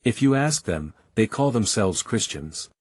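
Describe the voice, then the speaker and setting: A man's voice: fairly low pitch, animated, a little slow, noisy background. A man reading a historical parliamentary speech aloud in a declamatory, oratorical manner.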